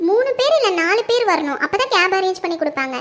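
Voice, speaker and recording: A woman's voice: extremely high pitch, sing-song, quick pace, fairly bright tone, slight background noise, heavily acted. A woman voicing a polite young female office worker in a cartoon. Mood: pleased.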